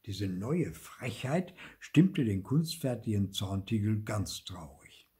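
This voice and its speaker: Older man reading a storybook slowly. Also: on the low side. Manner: expressive, lively read-aloud.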